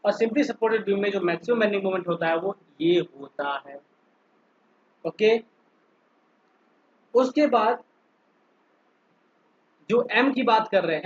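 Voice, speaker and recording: High-pitched guy teaching online class, slow, keeps asking students stuff, dull lo-fi audio. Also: fairly bright tone. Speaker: polytechnic lecturer.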